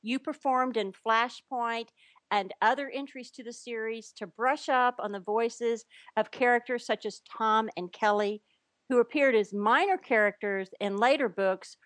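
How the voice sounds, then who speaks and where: A woman interviewer reading listener questions aloud in a measured way. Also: fairly high pitch, a bit bright, no echo. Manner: measured, reads questions out clearly.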